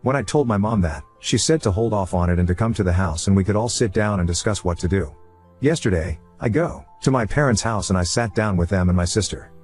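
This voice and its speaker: A man narrating online stories aloud in a brisk, steady delivery. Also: on the low side, soft background music.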